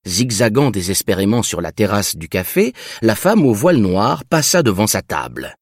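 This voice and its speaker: A man reading a novel aloud as narrator, in an expressive, measured way. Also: lowish voice, breathy edge, no room sound, studio quality. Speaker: audiobook narrator. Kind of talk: scripted narration.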